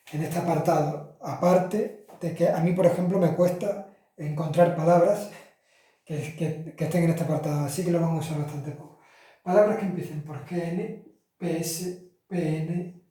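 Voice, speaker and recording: Recorded from far off the mic with a roomy echo, this man teaches Spanish speakers about Italian articles. His voice is on the high side and mellow, and his casual classroom style is full of fillers and self-corrections.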